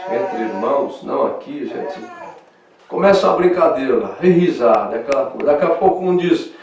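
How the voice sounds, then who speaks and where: A man with a southern Brazilian accent preaching in Sunday school, animated, swinging between loud emphasis and soft asides. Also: mid-range voice, normal speed, far from the mic, crowd noise. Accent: southern Brazilian Portuguese. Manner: acts out quoted dialogue in lively voices. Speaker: pastor. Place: church hall. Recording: echoey church hall, mic from afar.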